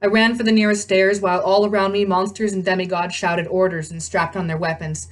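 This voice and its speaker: A woman reading a novel aloud with animated delivery, often stumbling and correcting herself. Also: mid-range voice, brisk. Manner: animated reading, frequent slips and self-corrections. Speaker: read-aloud host.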